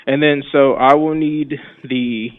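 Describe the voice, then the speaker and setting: A man's voice: mid-range voice, fairly even intonation, takes it slowly. A man working as a car salesperson on a casual phone call, friendly and informal, rambling and repeating himself, heard through lo-fi phone audio.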